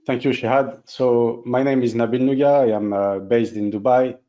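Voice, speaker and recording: A man's voice: mid-range voice, fairly even intonation, normal speed, warm tone, highs cut off. A middle-aged man from France with a French accent and a cough, introducing himself hesitantly in a webinar. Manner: hesitant, many fillers and restarts. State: has a cough. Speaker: technical sales specialist.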